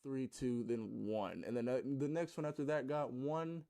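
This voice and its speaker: A man's voice: medium pitch, fairly even intonation, moderate pace, gravelly, warm tone. A man, a gaming YouTuber, rambling through a casual story with loose swearing and plenty of fillers.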